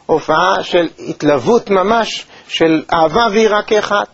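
A man teaching a Torah lesson in a measured, thoughtful way, with pauses and hesitations. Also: high-pitched, fairly bright tone, no room sound. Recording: dull, lo-fi recording.

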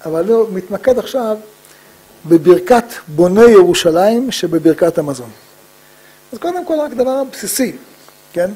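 A man's voice: sits high, sing-song, long pauses, warm tone, husky, rough recording. A man giving a religious lesson as a rabbi, asking rhetorical questions and answering them himself, repeating key phrases for emphasis, with frequent "uh" fillers.

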